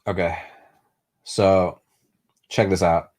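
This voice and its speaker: Slow, level and low, with a darkish tone, the voice belongs to a young man hosting a relaxed live stream. His answers to viewer comments are crude and rambling, with lots of fillers and restarts. He learned Spanish before anything else and grew up in the US.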